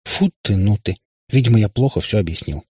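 A man's voice: on the low side, animated, a little fast, darkish tone, breathy edge, no room sound. A male narrator voicing a tired warlock father who rambles pedantically. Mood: flustered. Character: weary, long-winded warlock father.

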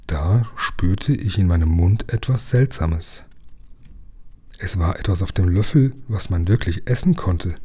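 Husky-voiced man reading a story. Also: on the low side, warm tone. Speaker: reader. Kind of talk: audiobook reading of a children's novel.

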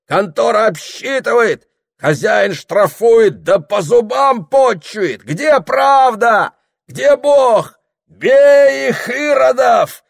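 A man voicing a drunk, bearded peasant who rages and shouts in despair. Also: lowish voice, no room sound, studio quality. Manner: shouting, bellowing.

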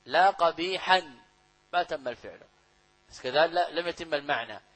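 A man's voice: on the high side, animated, fast talker, a bit bright, low-quality recording. A middle-aged man giving a classroom lecture on grammar, repeating key phrases and asking and answering his own questions. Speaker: Islamic grammar teacher.

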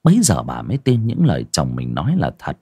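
Male horror narrator, husky and dry-sounding, wide expressive pitch. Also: fairly quick, dry recording. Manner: dramatic, suspenseful storytelling. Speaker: audiobook narrator.

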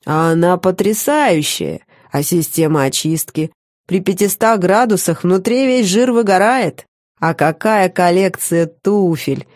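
A woman reading the part of a smug male demon who teases his lover in a slow, sweet drawl. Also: on the low side, darkish tone, no echo, clean studio sound, lightly acted. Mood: sweet-talking.

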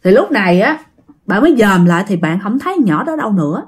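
A woman's voice: medium pitch, fast talker, breathy edge. A woman with a Southern Vietnamese accent, casually narrating a ghost story and speaking straight to her listeners with dramatic emphasis. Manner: animated, addresses listeners directly, dramatic emphasis.

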